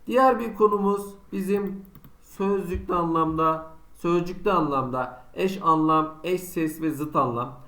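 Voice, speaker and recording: A man's voice: a little high, unhurried, a bit bright. Man teaching, quizzing himself in an echoey room. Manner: asks himself students' questions and answers them; conversational, teasing examples. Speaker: Turkish teacher. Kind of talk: online lesson for schoolchildren.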